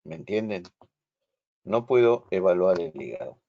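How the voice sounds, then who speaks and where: Male instructor, Rioplatense Spanish accent, slow and explanatory, lower voice, muffled video-call audio. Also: animated, vocal fry, warm tone. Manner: slow, explanatory, checks understanding. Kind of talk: online lecture.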